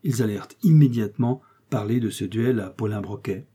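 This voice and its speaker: A man narrating a novel as an audiobook, reading in a measured, even manner. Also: on the low side, husky.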